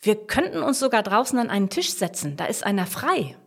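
A woman voicing an excited young girl in a children's storybook, gushing and bubbly. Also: mid-range voice, fairly quick, creaky, husky, voice pushed up, heavily acted. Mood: chatty.

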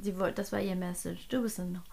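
A woman's voice: fairly low pitch, steady tone, brisk, creaky, warm tone. A woman co-hosting a podcast, chatting in slang and dropping into whispered gossip asides. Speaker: podcast co-host. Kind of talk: casual gossip chat.

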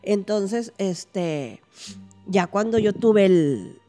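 A woman's voice: mid-range voice, very slow, faint music behind. A woman with a Mexican Spanish accent telling a story in casual chat, acting out the dialogue. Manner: animated, acts out quoted dialogue. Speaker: podcast guest recounting paranormal experience.

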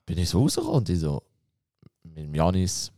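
A man's voice: low-pitched, huge pitch swings, brisk, mellow, no echo, clean studio sound. A man, telling a story to friends in a casual chat and acting out the voices of the people in it. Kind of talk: casual anecdote.

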